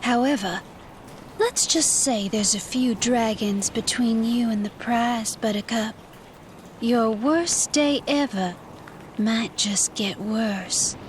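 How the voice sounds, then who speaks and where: An actress playing a playful, mysterious all-seeing fortune teller in a video game, with a theatrical, coy, mystical manner. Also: female voice, on the high side, slow pace, slight background noise. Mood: ominous, playful. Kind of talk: video game character acting.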